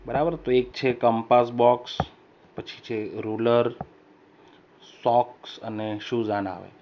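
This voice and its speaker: Male English teacher, mid pitch, slow emphatic reading of examples, frequent check-ins; muffled lo-fi recording with faint noise. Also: steady tone. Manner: reads English sentences slowly and louder, then explains; keeps checking understanding with short questions. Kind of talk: recorded classroom lesson. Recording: dull lo-fi voice recorder with faint hiss.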